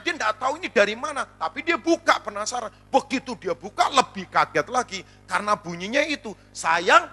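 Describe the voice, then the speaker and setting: A man pastor preaching a sermon, telling funny stories in an animated way. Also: high voice. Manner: animated storytelling with jokes.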